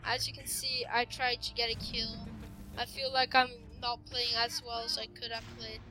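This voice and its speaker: High bright-voiced woman commenting a game. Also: flat delivery, normal speed, rough recording. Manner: chatty play-by-play of own match. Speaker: gameplay commentator.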